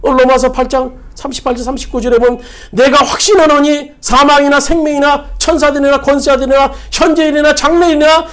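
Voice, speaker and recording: A woman's voice: high-pitched, level tone, fairly quick, hardly any pauses. A woman pastor preaching a sermon, repeating phrases for emphasis and putting rhetorical questions to her congregation.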